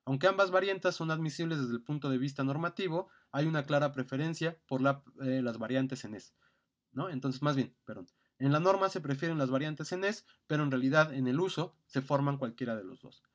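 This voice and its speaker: A middle-aged man giving a recorded grammar lecture, methodically listing examples with fillers and self-corrections. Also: medium pitch.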